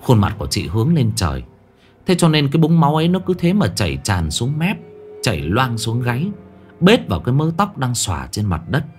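A man's voice: mid-range voice, wildly swooping pitch, a little fast. A man narrating a first-person horror story in a dramatic, tense way. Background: faint music.

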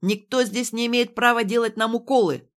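A woman's voice: mid-range voice, moderate pace, lightly acted. Storybook role: a woman reading a hard, commanding young man. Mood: harsh, commanding. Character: tough commanding young man, first-person hero.

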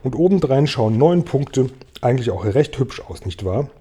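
A man's voice: mid-range voice, sing-song, normal speed, mellow, slightly rough. A man voicing a prim, genteel ladybug. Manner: polite, snobbish and modest. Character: genteel, proud female ladybug. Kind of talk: audiobook reading.

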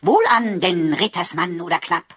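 A woman's voice: fairly low pitch, normal speed, fairly bright tone, husky. A woman voicing a quirky talking computer sidekick who speaks in playfully pompous, archaic phrases in a radio drama. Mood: mock-pompous.

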